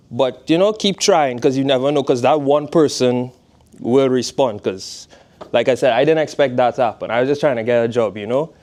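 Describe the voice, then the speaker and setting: With a medium pitch and darkish tone, a Trinidad-born footwear designer in his twenties speaks with a Trinidadian accent as a guest in a college class. His talk is easygoing and conversational, peppered with "you know what I mean."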